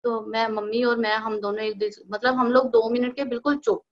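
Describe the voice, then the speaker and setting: A young woman tells a personal devotional story in a casual, lively way, acting out the lines of the people in it. Her voice sits high. The recording sounds dull and lo-fi. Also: brisk. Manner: animated storytelling, acting out quoted dialogue. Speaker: devotee sharing a personal experience. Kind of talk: casual spoken testimony.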